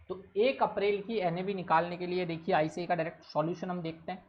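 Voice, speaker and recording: A male teacher giving a recorded lecture, explaining each step and repeating it, with English terms mixed into his Hindi. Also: sits high. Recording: dull lo-fi recording with faint noise.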